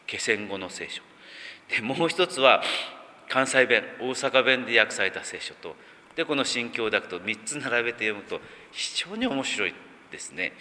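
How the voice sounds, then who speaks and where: A man, a pastor, reading scripture in a measured way and then talking informally with many fillers. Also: medium pitch, bright, forceful tone. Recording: long reverb.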